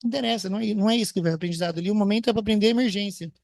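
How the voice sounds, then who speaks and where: Male physician-educator, higher voice, rapid talker, panel talk. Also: creaky, darkish tone, no room sound, studio quality. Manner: fast, thinks aloud with restarts and quoted examples. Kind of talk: case discussion panel talk.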